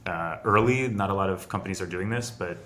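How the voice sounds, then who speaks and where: A deep, bright, forceful voice moves at a brisk clip, with faint hiss or hum in the background. The speaker is a middle-aged biotech founder from France, guesting on a casual video interview and explaining a long process step by step, restarting along the way.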